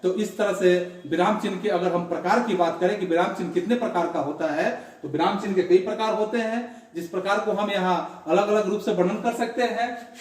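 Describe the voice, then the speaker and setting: A man teaching a grammar lesson in a classroom, explaining slowly and repeating his examples. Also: sits high. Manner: slow, repetitive explaining with examples. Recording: very echoey room, voice from far off.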